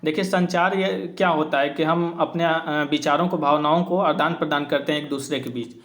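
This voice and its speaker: A man with a slightly raised voice talks through exam questions one by one. He explains patiently, weighing each option in a relaxed teaching tone. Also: a little high, normal speed. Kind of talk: informal exam answer walkthrough.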